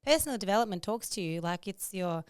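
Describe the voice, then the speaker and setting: Woman podcast guest, clear smooth voice, lively and laughing, dry close mic. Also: medium pitch, quick pace, dry recording. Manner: animated, laughs often, mimics voices. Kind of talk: casual chat.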